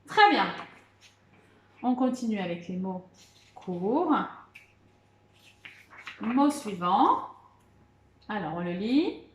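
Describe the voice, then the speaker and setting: With long pauses and big swings in her medium pitch, a primary school teacher speaks very slowly in a reverberant space during a remote spelling lesson. She spells words out letter by letter for the young children, encouraging them with repeated "d'accord" and "très bien".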